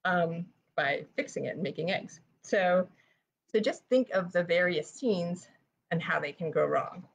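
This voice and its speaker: A woman with a New York accent, an author giving a chatty live-streamed presentation with writing tips. She talks fast, with many fillers like "um" and "like.". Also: lowish voice, creaky, breathy edge, highs cut off.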